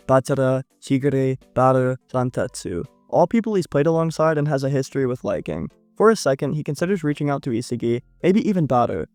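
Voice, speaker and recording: A man's voice: mid-range voice, a little mellow, no echo. A young man reading a scripted manga chapter recap in a casual, slangy way with joking asides.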